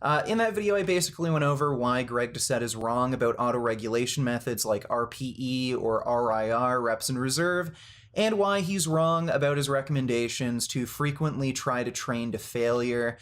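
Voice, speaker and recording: A man's voice: medium pitch, moderate pace, fairly bright tone. A man speaking to camera in a blunt, combative commentary on a fitness dispute. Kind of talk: casual commentary video.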